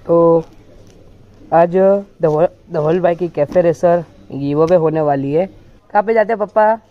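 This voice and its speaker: A man's voice: fairly high pitch, measured pace, phone-quality sound. A young man narrating a casual motorbike vlog, chatting to his viewers as he rides along outdoor roads. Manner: chatty, addresses viewers as guys. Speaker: vlogger. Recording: loud road and traffic noise.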